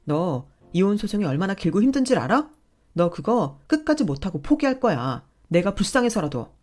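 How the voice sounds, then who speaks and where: A woman's voice: medium pitch, very animated, a little fast, darkish tone. A woman voicing a brash, entitled young husband who talks back defensively and dismissively. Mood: indignant.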